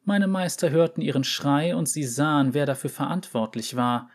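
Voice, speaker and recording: A man reading an audiobook story, voicing a calm, unsettling female runesmith who speaks with measured authority. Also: a little high, pitched above the performer's own voice, natural voice. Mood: calm, authoritative.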